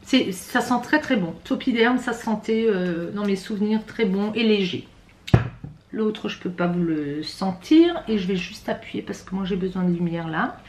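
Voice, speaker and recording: Animated and moderately paced, a woman with a medium-pitched voice she calls slightly rattly chats through a beauty box unboxing. Her delivery is hesitant, packed with fillers and restarts. The recording sounds roomy, with slight background noise.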